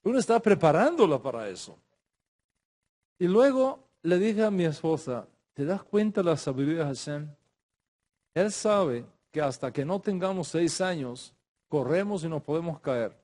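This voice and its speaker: A man's voice: a little high, animated, normal speed, darkish tone. A middle-aged man teaching a religious class, emphatic, repeating phrases and restarting his sentences. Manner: speaks in Spanish with Hebrew religious terms.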